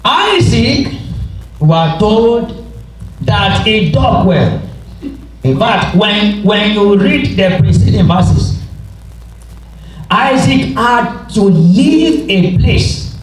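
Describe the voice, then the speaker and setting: Male preacher, high voice, slow emphatic delivery with repeated phrases, heard in a very echoey space. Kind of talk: revival sermon with scripture readings. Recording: roomy, echoing, distant mic, faint noise.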